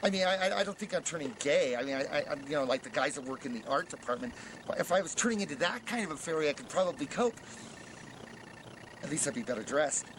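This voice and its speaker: A man's voice: a little high, lively intonation, fast, fairly bright tone, a little hiss or hum. A man delivering a comic confessional monologue, stammering and repeating words in frantic, self-mocking bursts.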